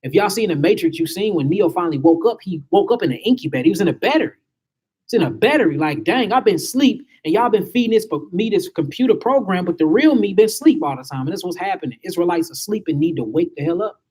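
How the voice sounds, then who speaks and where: Husky, high-voiced male lecturer. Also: lively intonation, fast, darkish tone. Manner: emphatic, asks the listeners rhetorical questions. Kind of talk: spiritual lecture to a small group.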